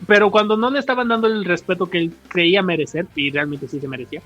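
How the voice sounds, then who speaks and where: A Mexican man co-hosts a podcast and explains comics in a casual, slangy, rambling way. His voice is high-pitched and fairly bright, and he talks at a quick pace. The podcast audio sounds dull and has music in it.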